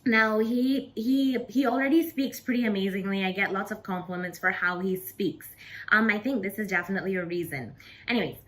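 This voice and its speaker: A woman in her thirties gives a casual English lesson to her viewers. She talks straight to the camera in a friendly, chatty way, with a bright voice. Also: mid-range voice. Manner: chatty, direct address to viewers. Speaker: channel host teaching English.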